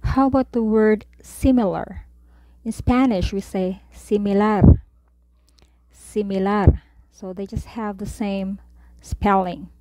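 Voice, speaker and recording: Very slow woman teaching Spanish words. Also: mid-range voice, steady tone, mellow, dry recording. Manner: says each word, then repeats it slowly. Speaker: Spanish tutor. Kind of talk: slow vocabulary lesson.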